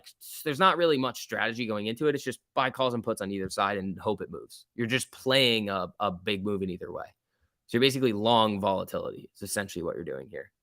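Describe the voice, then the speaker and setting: Man, livestream trading host, forceful bright voice, casual slangy market commentary, chummy with viewers, dry close sound. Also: on the low side, no echo. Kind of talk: casual off-the-cuff live market commentary, reading and answering chat.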